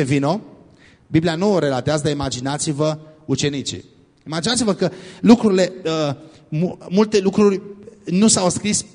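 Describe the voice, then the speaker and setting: A man giving a lively youth sermon, directing listeners as they act out a scene. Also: on the high side. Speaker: youth preacher. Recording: echoey hall.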